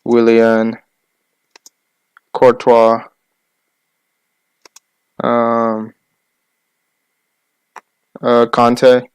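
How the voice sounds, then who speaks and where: A young man co-hosting a casual sports podcast, listing names quickly and arguing his picks. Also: medium pitch, monotone, clear, resonant tone, no room sound. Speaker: podcast co-host.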